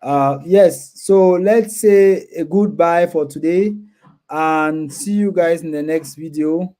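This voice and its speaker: A man hosts a casual livestream, reading and answering viewer comments and often repeating words and phrases. His voice is on the high side, mellow, and slow-paced.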